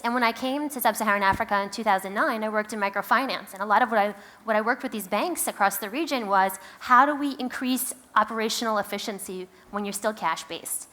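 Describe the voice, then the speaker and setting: With a pushed, bright mid-range voice and a Queens, New York accent, a woman who founded a company delivers a conference keynote. She sounds emphatic and chatty, with a wry edge.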